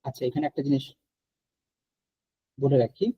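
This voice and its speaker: A man teaching an online French class, explaining slowly and repeating verb conjugations aloud. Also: medium pitch, little pitch movement, husky, dry recording, highs cut off.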